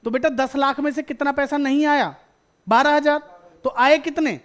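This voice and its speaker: A man's voice: extremely high pitch, steady tone, normal speed, a bit bright. Man, classroom teacher, repeats questions, answers them himself. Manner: addresses students as beta. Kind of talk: classroom lecture.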